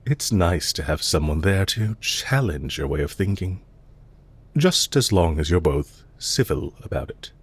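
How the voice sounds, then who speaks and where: A man voices a smooth, scheming villain leader in an intimate audio roleplay, speaking gently and politely to the listener with measured courtesy and a light tease. He uses a full character voice that is low, very animated, and edged with breath, and the mood stays composed and courteous.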